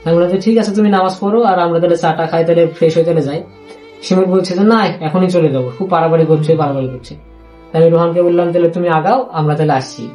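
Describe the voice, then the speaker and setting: A young man with a Rajshahi Bengali accent, haltingly recounting a personal story, with many restarts and repeated phrases. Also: fairly high pitch, a little mellow, faint music behind. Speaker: interviewee.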